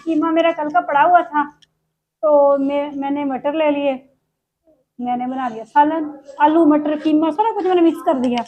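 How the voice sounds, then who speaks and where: A woman's voice: sits high, fairly even intonation, moderate pace. A middle-aged woman, chatting to her viewers in a casual vlog with a sore throat, complaining and confiding. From Pakistan. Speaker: vlogger. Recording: dry, tinny phone-like audio.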